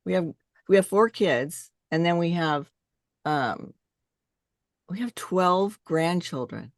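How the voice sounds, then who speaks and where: A woman's voice: on the low side, lively intonation, takes it slowly, no room sound, studio quality. An older woman hosting a casual, conversational interview. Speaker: interview host.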